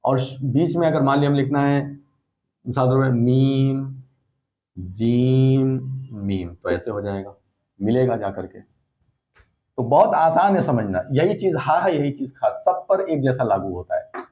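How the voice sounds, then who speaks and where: A man's voice: medium pitch, unhurried, mellow, dull audio. A man teaching a recorded lesson, explaining patiently and repeating points with frequent check-ins. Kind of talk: recorded lesson on letter shapes.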